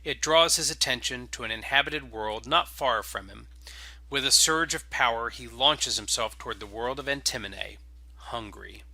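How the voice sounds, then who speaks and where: A game writer and host opens with a casual podcast intro, then moves into dramatic scripted narration as he reads stories aloud. His medium-pitched voice is bright and forceful with vocal fry, at a moderate pace, in a dry recording. His manner is informal and enthusiastic.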